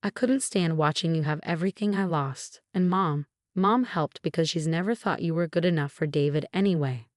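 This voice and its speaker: A woman's voice: sits low, normal speed, few pauses, no room sound, studio quality, close to an everyday voice. Woman voicing a cornered spiteful sister. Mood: defiant. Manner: cornered, spitting out a confession. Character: spiteful scheming adult woman, the perfect sister.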